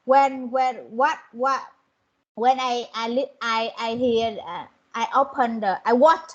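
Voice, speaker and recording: Woman in her 30s learning english, halting and unsure, kinda high voice, muffled call audio. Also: fairly even intonation. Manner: hesitant, halting non-native English. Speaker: English student. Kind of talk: online conversation lesson.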